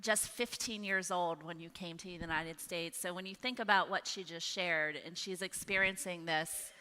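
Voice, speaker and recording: A woman hosts an on-stage conversation, thanking and encouraging her guest. Her voice is bright and smooth, at a middle pitch. Long hall reverb follows her words. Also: steady tone, normal speed. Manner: warm, effusive, encouraging. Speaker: host. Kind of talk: stage interview in a church ministry event. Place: church hall.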